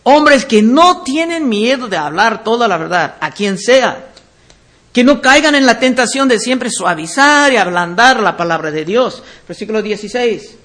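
A man preaching a verse-by-verse Bible teaching sermon, reading scripture aloud and then explaining it deliberately. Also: very high voice, very animated, pushed and bright.

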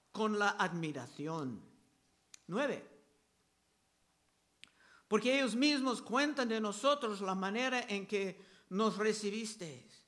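A man preaching a sermon, reading scripture verses aloud and explaining them slowly and deliberately. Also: very high-pitched. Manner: slow, deliberate delivery, raising voice for quoted crowd shouts.

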